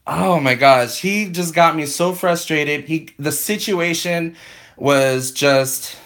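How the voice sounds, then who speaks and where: Man, slightly high voice, casual live-stream storytelling, rambling, exasperated, lots of fillers and restarts. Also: slow pace, a bit bright.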